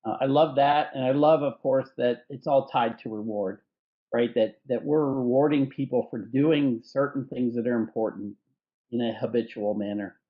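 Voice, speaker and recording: A man's voice: mid-range voice, fairly even intonation, normal speed, muffled recording. A man hosting a conversational discussion, eagerly affirming his guest before adding his own views. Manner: affirming, enthusiastic interviewer. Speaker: company CEO and host.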